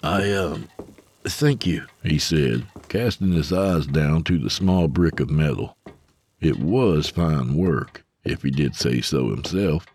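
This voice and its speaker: A man narrating an audiobook with expressive storytelling, giving each character a voice. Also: rumbling low, slow, husky.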